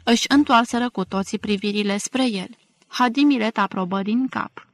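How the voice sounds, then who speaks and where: A woman narrating a literary novel as an audiobook, in a measured, even storytelling manner. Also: mid-range voice, no echo, studio quality.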